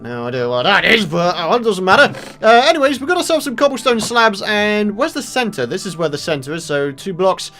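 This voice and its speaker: Lively young British gaming YouTuber. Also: male voice, high voice, a little fast, hardly any pauses, soft background music. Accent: British English. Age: 20s. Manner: chatty, self-mocking, excitable outbursts. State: morning voice. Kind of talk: casual let's-play commentary.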